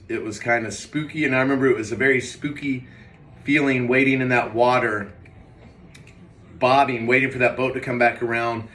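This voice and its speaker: A man recounts a dream in a hazy, puzzled manner, rambling casually and hesitantly. His medium-pitched voice sits away from the microphone, with the room's echo clearly around it. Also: fairly bright tone. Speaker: vlogger. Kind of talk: casual, rambling first-person storytelling. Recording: roomy echo, distant mic.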